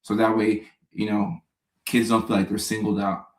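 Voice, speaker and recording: A man, hosting a casual live stream and answering viewer questions in a relaxed, chatty way with joking asides. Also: fairly low pitch, moderate pace, reverberant, poor audio.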